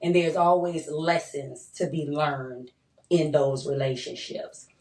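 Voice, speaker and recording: A woman hosts a conversational interview, chatty and affirming, often tagging remarks with "right?" and using casual grammar. Her deep, dark voice stays steady and unhurried. The mic is at a distance, giving a roomy sound.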